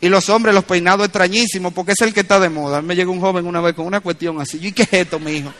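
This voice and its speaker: A man preaching a sermon as pastor, shifting between loud emphatic peaks and low asides. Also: steady tone, racing.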